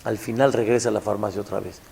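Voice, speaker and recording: A rabbi with a Mexican accent giving a storytelling sermon, animated and asking rhetorical questions. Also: male voice, on the low side, fast, gravelly. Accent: Mexican Spanish.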